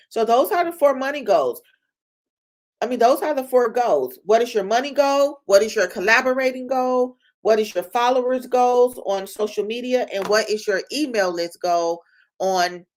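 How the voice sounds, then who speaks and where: A middle-aged woman who heads a publishing company gives an emphatic motivational talk in a mid-range voice, repeating phrases and checking in with "right?"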